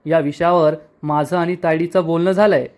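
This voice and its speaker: A man's voice: fairly high pitch, fairly even intonation, moderate pace, a little mellow, clear, resonant tone, natural voice. Malhar, read by a man, rich determined young lover.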